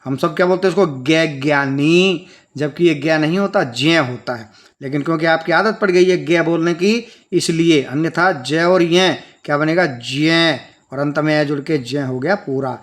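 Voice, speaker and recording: A man's voice: on the high side, moderate pace. A man teaching a children's language lesson, patiently breaking words into sounds and spelling them out step by step.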